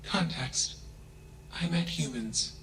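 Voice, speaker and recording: A flat, emotionless game AI that speaks slowly and deliberately, with a gravelly edge to its voice. Each statement is clipped and preceded by a label. A steady hum sits clearly behind the dialogue. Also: male voice, a little high, exaggerated voice. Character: flat emotionless AI, genderless machine mind. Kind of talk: video game character dialogue.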